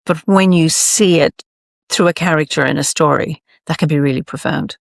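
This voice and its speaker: An Irish woman storyteller talking reflectively in a lilting, emphatic way, with thoughtful, deliberate pauses. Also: sits low, vocal fry, no room sound, studio quality. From Ireland. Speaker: storyteller, interview guest. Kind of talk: reflective conversational storytelling talk.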